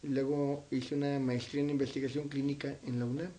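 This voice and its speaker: Answering as an interview guest from his own home, this middle-aged man from Zacatecas, Mexico, reminisces conversationally with a central-northern Mexican accent. His voice is medium-pitched and dark, his tone level and his pace brisk.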